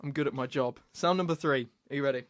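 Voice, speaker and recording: A man's voice: medium pitch, fast talker, dry recording, studio quality. A British man co-hosting a casual podcast, running a guessing game with a teasing manner and frequent laughs. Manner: playful, teasing, laughs often. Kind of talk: casual chat.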